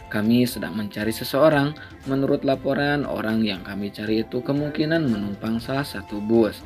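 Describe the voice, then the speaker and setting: Polite, calm searcher, read by a man, storybook. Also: fairly low pitch, moderate pace, faint music behind, lightly acted. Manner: calm, reassuring. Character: polite adult male searcher on a bus.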